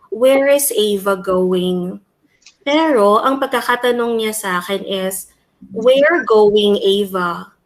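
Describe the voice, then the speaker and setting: A woman teacher talking through her observations of students in a casual discussion, switching between two languages and pausing often with um. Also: a little high, low-quality recording. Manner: thoughtful, many um fillers.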